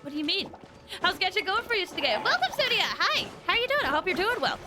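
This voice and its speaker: On a livestream, a woman chats casually and informally with her viewers while gaming, rambling as she goes. Her voice is very high-pitched and very animated, and she talks at a quick pace over loud game music.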